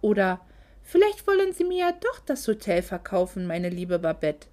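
A woman's voice: mid-range voice, sing-song, moderate pace, dark tone, close to an everyday voice. A woman voicing a greedy, fake-sweet moneylender man who talks in a mock-polite, condescending way, in a storybook reading. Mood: oily.

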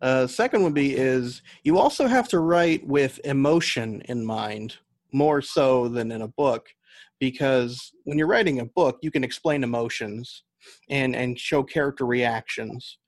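An American novelist and audio drama writer, appearing as a podcast guest, explains his work conversationally at a measured pace. His pitch is middling, there's no echo or room sound, and he reasons through his points aloud.

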